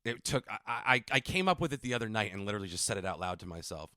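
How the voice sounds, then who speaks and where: A man on a comedy podcast, trading deadpan jabs with his co-host. His voice sits low but rings bright, and it moves around a lot in pitch. The recording is dry and close. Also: racing, no room sound. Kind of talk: casual comedy chat.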